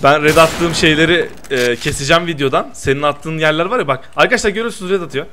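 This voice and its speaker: A young man doing lively gameplay commentary, teasing his friend and protesting loudly to his viewers. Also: on the high side, fast talker, a little hiss or hum. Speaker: gaming YouTuber.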